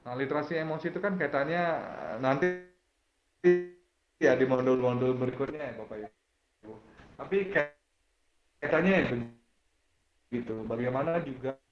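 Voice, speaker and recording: A man's voice: mid-range voice, moderate pace, pauses often, faint music behind. A man giving an online lecture to teachers over a video call whose audio keeps breaking up, talking hesitantly with many fillers and restarts. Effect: choppy video-call audio breaking up. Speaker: course instructor. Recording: muffled echoey online call, faint noise.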